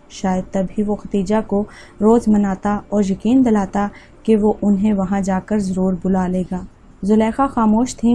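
A woman reading a love story aloud as a scripted narration in an even, measured way. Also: medium pitch, slightly rough.

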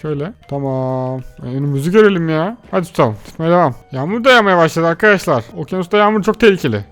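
A young man hosting a let's play video, excitably chattering to his viewers while he plays. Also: on the high side, quick pace, clean tone, soft background music. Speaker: gaming channel host.

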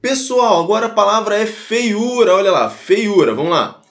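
A man's voice: high-pitched, moderate pace. A Brazilian man with a Brazilian Portuguese accent teaching an online grammar lesson, talking straight to his students and spelling out each example again and again. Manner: animated, addresses students directly, repeats and spells out examples. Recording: echoey room.

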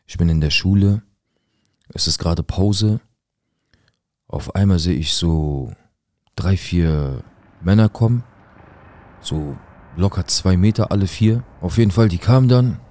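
A man telling his own life story in animated street slang, speaking to his listeners in a casual way. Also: deep voice, unhurried, pauses often, dry recording.

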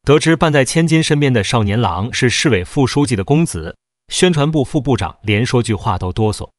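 A man narrating a first-person novel as a storyteller, in a steady, even read. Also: medium pitch, brisk, no room sound, studio quality.

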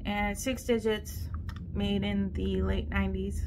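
A woman's voice: mid-range voice, a little slow, creaky, noisy background. A woman in her forties casually talking between clarinet demonstrations at home, a little winded from a recent cold. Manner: chatty, relaxed, talks between playing clarinet. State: slightly winded, recovering from a cold. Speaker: clarinet player and host. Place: indoor home room. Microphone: camera low on a stand at close range.

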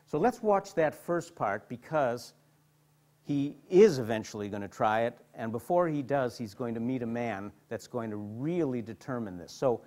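A man's voice: medium pitch, expressive, moderate pace, a little mellow. A middle-aged man, a psychotherapist, lecturing to an audience and telling stories animatedly, often repeating and restarting words. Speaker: psychotherapist giving a hospital lecture.

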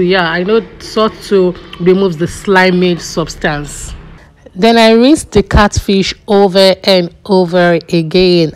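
A middle-aged woman, talking through a recipe in a relaxed, chatty cooking voice-over. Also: lowish voice. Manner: chatty, relaxed, with small laughs. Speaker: cooking vlogger.

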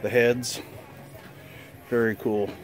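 A man's voice: mid-range voice, little pitch movement, slow pace, faint music behind. A man in his fifties filming a casual vlog while walking through a record store, exclaiming with enthusiasm over the old gear. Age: 50s. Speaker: vlogger. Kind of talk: casual handheld shop tour vlog.

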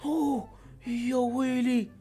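A woman with an Iraqi Arabic accent hosting excited game commentary, with shouty exclamations. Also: sits high, measured pace, slightly rough. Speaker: gaming channel host.

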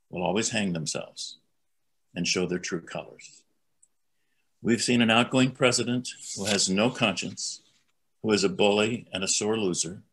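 An older man giving an earnest, deliberate talk at a spiritualist church. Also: lowish voice, a bit bright, slightly rough. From United States. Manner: earnest, slow and deliberate, reads quotations aloud. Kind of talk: sermon-style talk.

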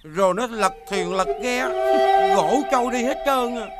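An actor playing a greedy, henpecked eldest son in a TV folk-tale drama, with a whiny, pleading manner. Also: male voice, very high voice, a little slow. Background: music.

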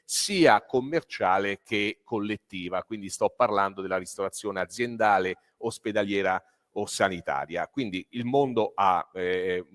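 A middle-aged man giving a presentation over a video call with a headset, speaking haltingly with many fillers. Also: fairly low pitch, a bit bright, big-room sound. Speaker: trade association vice director.

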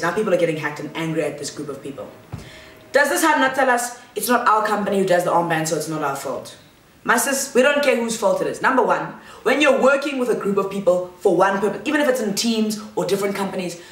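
A young woman vlogger, speaking in a loud, mid-range voice, gives a casual storytime monologue full of chat and slang. She's seated in a large living room, and the fixed camera across the room picks up a roomy echo because of its distance.

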